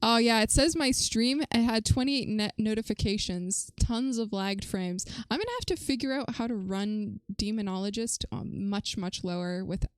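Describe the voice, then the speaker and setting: A woman live-streaming a game from home, chatting casually and rambling, prone to shrill startled shrieks. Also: normal speed, hardly any pauses, smooth, dry recording, studio quality. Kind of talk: casual live-stream chat while gaming.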